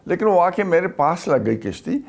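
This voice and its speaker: An older Pakistani man who retired from the army shares a wartime memory during an interview, his speech halting and broken by frequent pauses. His voice sits high, sing-song and creaky.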